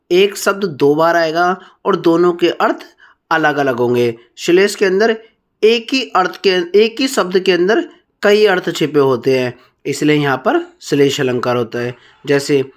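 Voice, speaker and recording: A man teaching a grammar lesson, explaining step by step and reading verse examples slowly. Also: a little high.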